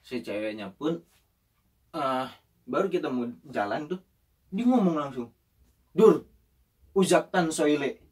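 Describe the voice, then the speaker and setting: A young man telling an animated story in casual chat and acting out the voices of the people in it. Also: fairly high pitch, slow, pauses often, breathy edge, distant mic.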